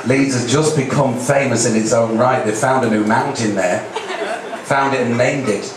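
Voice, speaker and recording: A man's voice: medium pitch, normal speed. A man performing as a campy drag queen host, doing teasing stand-up patter with the audience. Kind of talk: live stand-up comedy patter with audience banter. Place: live cabaret stage in a music cafe. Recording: echoey live venue, distant mic, loud crowd noise. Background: loud audience noise and laughter.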